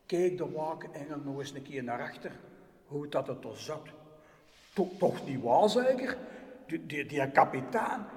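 A man telling a story, lively, with big shifts between loud and hushed. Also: on the high side. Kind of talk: spoken storytelling. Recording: distant voice in echoey hall.

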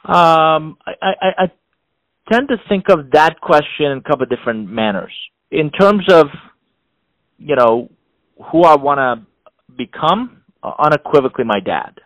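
With a fairly high pitch and moderate pace, the middle-aged Iranian man, an author and executive advisor, gives emphatic, animated interview answers marked by frequent restarts and repeated words. The low-quality recording has no room sound and a dry character.

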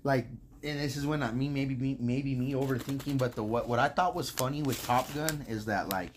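An American man in casual podcast conversation. He talks in a frat-bro manner, loose and slangy, and swears heavily throughout. His voice sits at an ordinary male pitch. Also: a little fast, a little hiss or hum. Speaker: podcast co-host. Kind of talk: casual chat.

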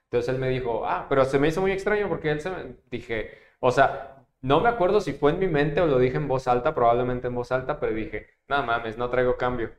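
A young Mexican man hosts a casual podcast, drifting through long anecdotes peppered with street slang. His voice sits at an ordinary middle pitch. The room around him rings with a noticeable echo. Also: expressive, fairly quick, few pauses, slight background noise. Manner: slangy, rambling storyteller. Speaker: podcast host. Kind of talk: casual chat. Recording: echoey room.

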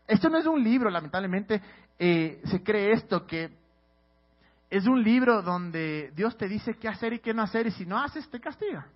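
A man's voice: high-pitched, big pitch swings, moderate pace. A young man, preaching a casual, conversational sermon full of slang and scripture quotes. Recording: dull lo-fi recording.

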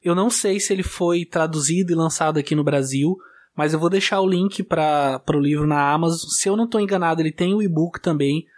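A man with a Brazilian Portuguese accent hosting a podcast in casual chat, talking in a relaxed way with small restarts. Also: a little high, brisk. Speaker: podcast host.

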